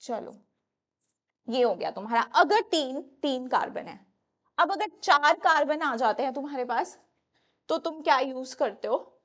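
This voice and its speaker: Young woman, chemistry teacher, slightly high voice, chatty lecture style with quick self-corrections. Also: expressive, a bit bright. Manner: chatty, addresses students as "beta", self-correcting. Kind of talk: exam-prep lecture at a whiteboard.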